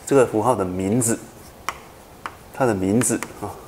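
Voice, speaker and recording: A male university lecturer explains step by step, repeating key points and checking in with his students. His voice sits a little low. The classroom sounds roomy, with a faint background hiss. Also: moderate pace, mellow. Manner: patient, repetitive explaining with frequent checking questions.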